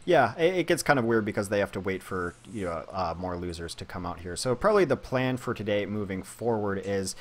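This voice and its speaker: A man's voice: lowish voice, lively intonation, brisk, few pauses. A hungry, tired man casting an esports match, laying out the schedule in a matter-of-fact way with dry teasing, with faint music behind. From Chicago. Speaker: esports caster.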